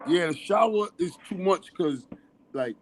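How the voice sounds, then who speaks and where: Man, fairly high voice, laid-back, rambling, casual group chat. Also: animated, unhurried. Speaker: podcast co-host.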